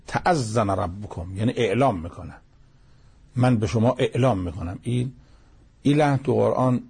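Guy explaining scripture verse by verse, gravelly mellow voice, keeps repeating the key bits. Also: lowish voice. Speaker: Quran commentator. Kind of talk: religious commentary lesson.

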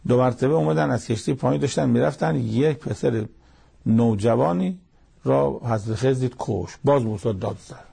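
A man's voice: medium pitch, creaky, mellow, slightly rough. A man giving a Quran commentary lesson, explaining verse by verse in a plain, conversational way and retelling stories as dialogue. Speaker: Quran interpreter.

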